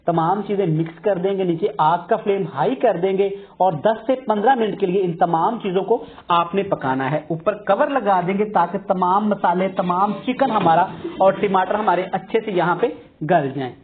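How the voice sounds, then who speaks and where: A man from Pakistan hosting a cooking channel, calmly guiding viewers step by step through a recipe. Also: sits high, moderate pace, slight background noise. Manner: calm, methodical, addresses viewers politely as sir and brothers and sisters. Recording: phone-like narrow band.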